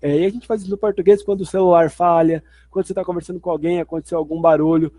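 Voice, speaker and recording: Warm, fairly high-voiced male teacher. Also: steady tone, rapid-fire, no echo. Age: adult. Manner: explanatory, restates each point twice. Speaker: language teacher. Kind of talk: instructional video lesson.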